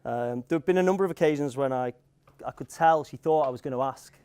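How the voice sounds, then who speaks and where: With guests audible in the live event room at the wedding venue, a young Manx-accented groom from the Isle of Man talks fast through an informal, joking, rambling and hesitant speech. His medium-pitched voice is clear, resonant and a little mellow.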